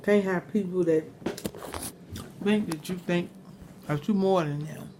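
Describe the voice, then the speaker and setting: A woman's voice: on the low side, a little slow, noisy background. A middle-aged woman chatting casually and giving earnest advice while eating crunchy fried chicken in a mukbang. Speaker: mukbang host.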